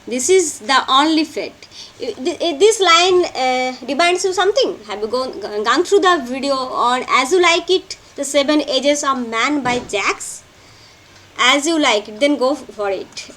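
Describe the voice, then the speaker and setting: A woman lectures on a classic play. Her voice sits high and swings widely in pitch. She moves slowly and repeats key phrases so students can take notes. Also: fairly bright tone. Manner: slow, emphatic, repeats key phrases for note-taking. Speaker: literature teacher. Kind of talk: lecture explaining a play line by line.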